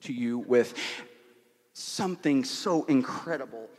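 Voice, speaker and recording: A man preaching a sermon to a congregation, repeating key words, asking rhetorical questions and dropping from loud to hushed. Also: mid-range voice, animated, unhurried. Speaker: pastor. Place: church hall with an audience. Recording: long hall reverb.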